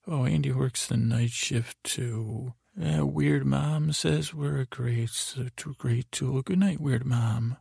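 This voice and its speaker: Slow, creaky man narrating for sleep. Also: medium pitch, no room sound, studio quality. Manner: calm, gentle, rambling. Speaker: sleep podcast host. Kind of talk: soothing bedtime sleep-story narration, saying good night to listeners.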